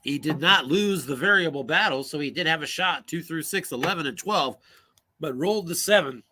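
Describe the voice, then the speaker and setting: A man delivers solo play-by-play of a tabletop football game in a brisk, sharp, forceful voice pitched a touch high. He is losing his voice and coughing, so it sounds strained and hoarse, yet he ramps up his energy for the big plays.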